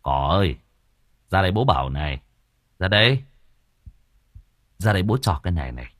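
A man voicing a gentle, hardworking young father who speaks softly and tenderly. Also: low-pitched, very animated, normal speed, dry recording, studio quality, exaggerated voice. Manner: soft, tender and worried.

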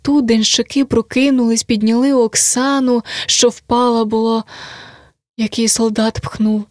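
Woman narrator, audiobook, measured and hushed, higher voice, dry sound. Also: no echo. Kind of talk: audiobook narration of a classic story.

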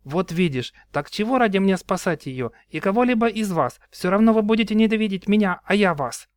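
A man's voice: sits high, lively intonation, fairly quick, clear, resonant tone, no echo, studio quality, voice pushed up. A man voicing a resentful, mocking brother who has been turned into a sea monster. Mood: bitter. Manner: mocking, sulky, self-pitying.

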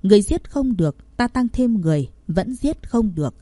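A woman's voice: mid-range voice, big pitch swings, moderate pace, warm tone, dry recording. A woman voicing a stern male head of a cultivation academy who speaks curtly, read from a storybook. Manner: curt and stern.

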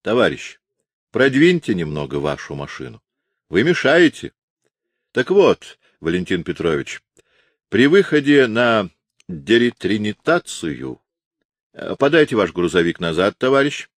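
A man's voice: fairly low pitch, big pitch swings, a little slow, dry recording, heavily acted. A man voicing a pompous, officious fake male starship navigator who lectures everyone.

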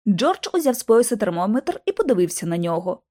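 A woman reading an audiobook narration in an expressive, dramatic manner. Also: medium pitch, fairly quick. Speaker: audiobook reader.

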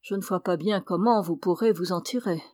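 A woman voicing a proud, controlling elderly mother who speaks in a calm, measured, quietly persuasive way, in a dry recording. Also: fairly low pitch, no echo, close to an everyday voice. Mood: coolly persuasive.

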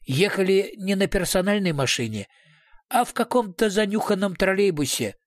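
A man's voice: high voice, expressive, normal speed, dry recording, studio quality, pitched above the performer's own voice. A man voicing a brutal male police investigator who switches between sugary politeness and snarling threats. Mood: mock-polite.

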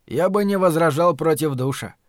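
A man's voice: fairly high pitch, moderate pace, dry recording, studio quality, natural voice. A man voicing a tired, wary prisoner who questions things dryly.

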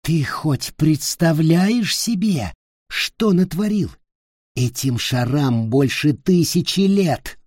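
A man voicing a cruel, arrogant tall boy lord in an audiobook, shouting and hissing in fury. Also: medium pitch, very animated, slow pace, breathy edge, no room sound, clean studio sound, full character voice. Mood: furious. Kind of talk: audiobook character voice.

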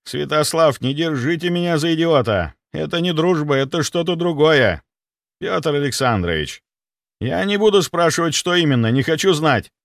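A man's voice: expressive, moderate pace, vocal fry, no room sound, studio quality. A man voicing a panicky middle-aged male clinic director who talks in an anxious, pleading rush. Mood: wary. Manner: anxious, pleading, high-strung.

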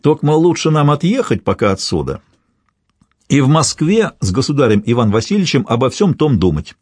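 A man's voice: medium pitch, sing-song, a little fast, a little mellow, husky, no echo, clean studio sound, pitched above the performer's own voice. Man doing a deferential bearded court clerk.

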